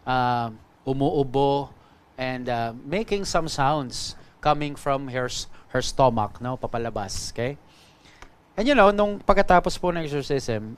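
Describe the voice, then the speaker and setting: A Filipino priest with a clear, resonant, medium-pitched male voice gives a teaching talk on spiritual warfare. He switches between Tagalog and English, adds frequent "no?" and "okay?" tags, and addresses the audience politely with "po."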